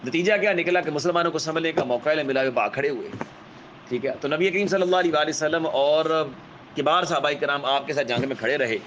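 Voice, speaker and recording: Man lecturing on religious history, a bit high pitched, slow storytelling, keeps checking in with the listeners, faint hum behind. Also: a bit bright, highs cut off. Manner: measured, keeps adding a checking "alright?" tag; vivid storyteller, acts out quoted speech. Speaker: Islamic scholar lecturer.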